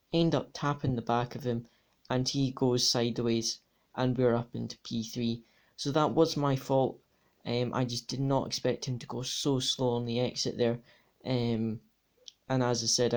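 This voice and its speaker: A man commentating over replays of his own sim races, talking matter-of-factly through each corner. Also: mid-range voice. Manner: matter-of-fact, talks through laps turn by turn.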